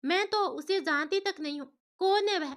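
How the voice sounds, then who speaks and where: A woman's voice: very high-pitched, moderate pace, pitched above the performer's own voice. A woman voicing a proud widowed mother who answers with indignant, insistent protests.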